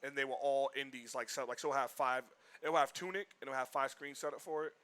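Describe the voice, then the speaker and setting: A man rambles through casual stream talk, piling on "like" as he goes. His voice sounds bright and forward. He keeps a loose, animated delivery throughout. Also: medium pitch, fast. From Boston, US. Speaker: livestream co-host. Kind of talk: casual chat.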